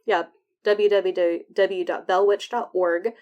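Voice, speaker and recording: A woman's voice: medium pitch, little pitch movement, takes it slowly, a little mellow, lo-fi sound. A woman co-hosting a podcast in casual, informal chat, with a noticeable whistle on her S sounds. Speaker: podcast co-host.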